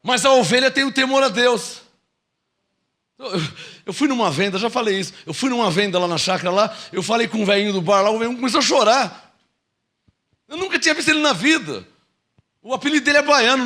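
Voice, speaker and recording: A Brazilian man preaching a sermon as pastor, swinging from quick asides to slow, drawn-out shouted proclamations. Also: extremely high pitch, expressive. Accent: Brazilian Portuguese. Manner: mimics doubting listeners in a small mocking voice.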